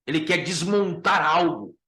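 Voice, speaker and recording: A pastor with a Brazilian Portuguese accent teaches a Bible class in an emphatic, forceful way, repeating every key point for his listeners. His slightly high, bright voice moves with lively intonation at a somewhat slow pace, and the room echoes.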